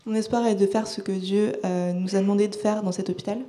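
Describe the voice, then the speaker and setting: A woman interprets in a soft-edged, mellow voice of medium pitch. Her intonation stays flat, and she pauses now and then to find her words. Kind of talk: consecutive interpreting, informal.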